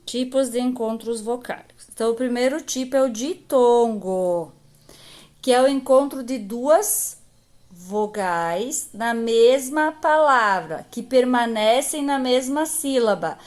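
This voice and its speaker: Brazilian woman, teacher, slow patient delivery, fairly high voice, drawn-out example words. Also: darkish tone. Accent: Brazilian Portuguese. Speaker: primary school teacher. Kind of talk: recorded grammar lesson.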